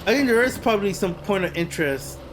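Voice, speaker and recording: A man giving chatty let's play commentary over a game, excitable and swearing. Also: sits high, fast talker, noisy background. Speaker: gameplay commentator.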